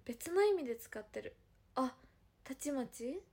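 High-voiced young woman with Hiroshima dialect. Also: expressive, a little mellow, slightly rough. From Hiroshima, Japan. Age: young adult. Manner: chatty, giggly, drawn-out musing. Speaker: idol livestreamer. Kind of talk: casual livestream chat answering viewer comments.

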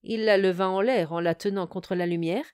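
A woman narrating a classic fairy tale as an audiobook, with calm, clear storytelling. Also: medium pitch, normal speed, no echo, clean studio sound.

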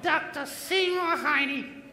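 Naughty comic stage dummy, extremely high strained falsetto, slow drawn-out wisecracks. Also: male voice, pushed and bright, heavily acted. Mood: eager, silly. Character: cheeky silly macho man as human ventriloquist dummy. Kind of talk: live comedy ventriloquist act. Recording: echoey theatre stage PA.

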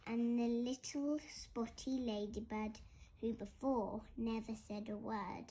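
A teacher reading a picture book aloud at a school assembly, expressive and now and then tripping and restarting. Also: female voice, on the high side, slow pace. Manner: expressive storytelling with animal noises, some stumbles and restarts.

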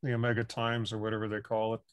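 A man in his sixties chatting casually on a headset, with halting, thoughtful phrasing. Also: on the low side, monotone, dry recording, clean studio sound. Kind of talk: casual discussion. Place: home workshop on a video call.

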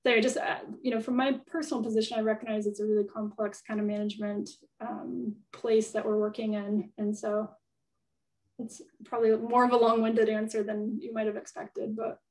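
A woman answering audience questions as a guest expert, thinking aloud and hedging with plenty of fillers. Her voice sits a little high but stays flat in melody. She sounds set back from the microphone on a video call. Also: moderate pace, distant mic, low-quality recording. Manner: thoughtful, hedging, many fillers. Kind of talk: conversational Q&A answers.

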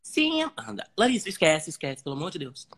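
A man calling into a live stream as a fan, talking in a quick, joking and familiar way. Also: on the high side, wildly swooping pitch, heavy background noise. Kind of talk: casual call-in chat.

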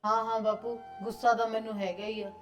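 A woman's voice: a little high, level tone, fairly quick, dull audio, soft background music, natural voice. A woman playing a hurt, reproachful married daughter. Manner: complaining and reproachful. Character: married woman, a hurt and stubborn elder sister. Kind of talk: short film acting.

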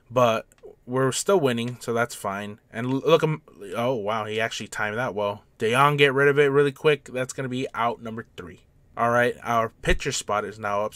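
A man giving let's-play commentary on a baseball video game, getting excited on big plays and taunting his opponent. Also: no room sound. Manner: excitable, jumps to loud highs on big plays.

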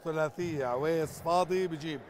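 A man with a Jordanian Arabic accent calls a basketball game live from an indoor gym, his voice fairly high and his pace brisk. The noisy sports hall comes through clearly, including the bounce of the ball.

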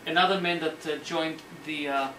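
A man lecturing on history as a story, animated and sometimes searching for words, acting out the quotes. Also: a little high, moderate pace. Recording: roomy hall, mic at a distance, faint noise.

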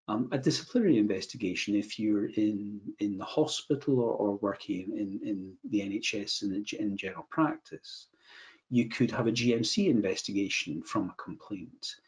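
Middle-aged Scottish male adviser, measured webinar talk over video call, restarts phrases. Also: on the low side, darkish tone. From Scotland. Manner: measured, repeats words when restarting phrases. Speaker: medico-legal adviser. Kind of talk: webinar presentation. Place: indoor room, video call.

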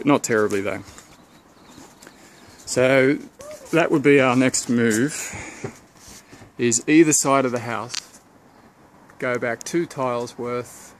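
Holding the camera himself, a homeowner leads a loose renovation walkthrough outdoors, beneath a deck and across a garden. He speaks in a steady, medium-pitched voice, slowly and with frequent ums and restarts, while slight background noise lingers.

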